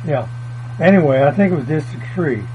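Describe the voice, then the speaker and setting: An older man gives an oral history interview, rambling through family reminiscences in a folksy way with plain country grammar. His voice is fairly high, animated and brisk, on dull lo-fi tape with a mains hum.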